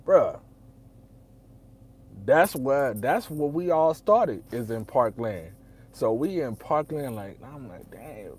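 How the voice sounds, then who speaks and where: Low-voiced man telling a story. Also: dark tone, slight background noise. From Texas. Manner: rambling, full of fillers and "you know what I'm saying". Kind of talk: casual storytelling.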